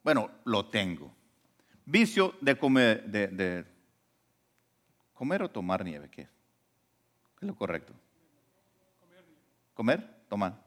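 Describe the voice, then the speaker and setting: A male pastor delivers a sermon in a conversational way, putting questions to his listeners. His voice is very animated, rising sharply for emphasis and falling back to quiet asides. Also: lowish voice, slow, pauses often. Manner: conversational, asks the congregation questions.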